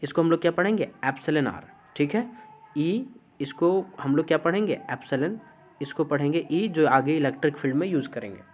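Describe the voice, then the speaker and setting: Lecturing his class in a slightly high voice, a male physics teacher asks question after question and answers each one himself. When definitions come up, he slows down to dictate them.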